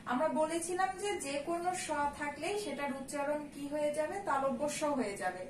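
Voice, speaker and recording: A woman, a college teacher, giving a recorded lesson. She explains slowly, step by step, and keeps checking in with her students. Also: high voice. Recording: echoey room, distant mic, faint ambient noise.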